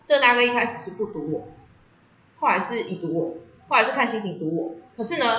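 A woman, chatting casually and telling stories, animated, laughing often and acting out the voices of people she quotes. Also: on the high side, roomy sound, low-quality recording. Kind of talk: casual chat, storytelling.

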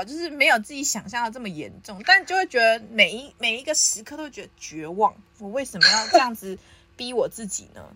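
Lively young woman storyteller. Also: high-pitched, slightly rough. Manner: lively, laughs often while telling the story. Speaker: podcast host. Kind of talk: casual storytelling chat.

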